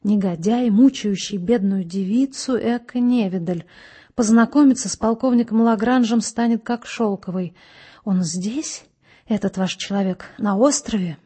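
Audiobook: an excitable, gallant colonel read by a woman, fervent and a little husky. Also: mid-range voice, normal speed, close to an everyday voice. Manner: fervent, exclaiming. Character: gallant, excitable middle-aged male police colonel.

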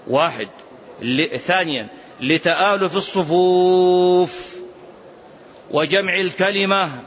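A middle-aged man preaching a mosque lesson, animated and exhorting, full of rhetorical questions. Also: high-pitched. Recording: dull lo-fi mosque recording with faint noise.

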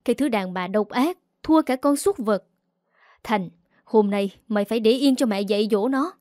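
A woman's voice: on the high side, normal speed, darkish tone, dry recording, clean studio sound, close to an everyday voice. A woman voicing a furious, cruel middle-aged mother-in-law who scolds harshly.

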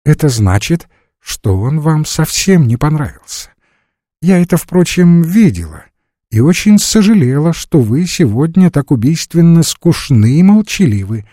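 Probing noblewoman in an audiobook, male reader pushing his voice up high, pointed questions, lively. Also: measured pace, no room sound, studio quality. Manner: pointed, inquisitive. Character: poised, probing noblewoman of the provinces.

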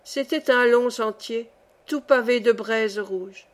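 Slow, measured woman reading a classic tale. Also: a little high. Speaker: audiobook reader. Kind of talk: literary audiobook narration.

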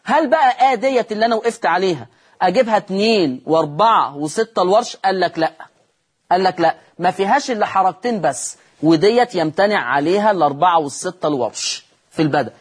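A man's voice: high voice, expressive, fast, slightly rough. A man with an Egyptian accent teaching Quran recitation rules on a TV lesson, repeating key terms and answering his own questions. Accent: Egyptian Arabic.

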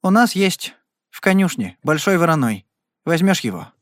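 A man's voice: on the high side, very animated, moderate pace, no echo, voice pushed up. A proud young frontier woman, frightened yet blunt, speaking in a raised, urgent voice, as a male narrator puts her on. The sound is dry and close. The delivery is plain and tense.

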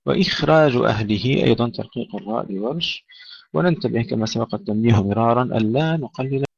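A man with a gravelly, husky voice teaches recitation rules, intoning short verse phrases slowly and then explaining each sound carefully. The recording is dry and dull, like a lo-fi close mic. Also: medium pitch, dry recording. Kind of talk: tajweed lesson.

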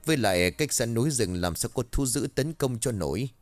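A man's voice: medium pitch, expressive, a little fast, dry recording, pitched above the performer's own voice, natural voice. A man voicing a blunt, stubborn middle-aged village farmer. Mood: gruff. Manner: blunt, dismissive.

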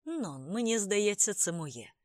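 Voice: mid-range voice, sing-song, fairly quick, fairly bright tone, no echo, clean studio sound, voice pushed up. An audiobook reader voicing a worldly male friend who speaks in languid, ironic quips. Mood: wry.

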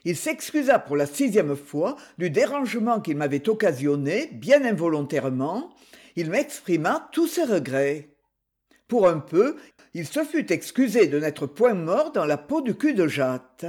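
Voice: medium pitch, darkish tone. An audiobook narrator reading a first-person novel in a wry storytelling manner.

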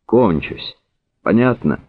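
A man's voice: on the low side, animated, takes it slowly, husky, pitched above the performer's own voice, exaggerated voice. Man voicing a grim, dying soldier. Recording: narrow phone-like sound.

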